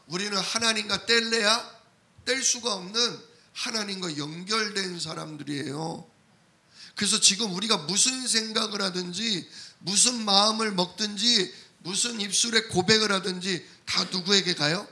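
A man's voice: high voice, bright, forceful tone. A man preaching a sermon, asking the congregation questions and answering them himself, and acting out complaints and replies. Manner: call-and-response questions to the congregation; acts out complaints and God's replies in quoted voices. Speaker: pastor.

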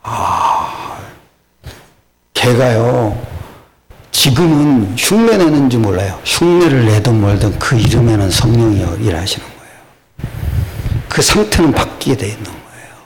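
An older man preaching a sermon, questioning the congregation and swinging between loud rises and low murmurs. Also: lively intonation, a little slow, long pauses, low-quality recording. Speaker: pastor.

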